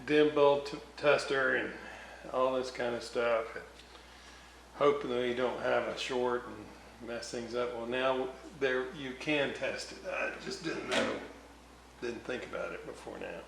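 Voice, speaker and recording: A gravelly, slightly bright medium-pitched voice belongs to a radio repair hobbyist and video host working in an indoor workshop. Unhurried and unscripted, he casually narrates his repairs, thinking aloud as he goes. Expect a roomy echo and noticeable background noise.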